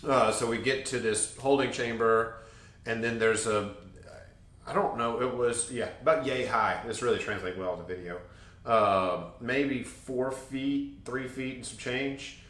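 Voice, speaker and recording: A man chatting casually about a trip, wandering through his story with plenty of jokes and laughter. His voice sits at a middling pitch. The room around him has a noticeable echo. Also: unhurried, a bit bright. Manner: rambling, jokey, laughs often. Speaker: podcast co-host.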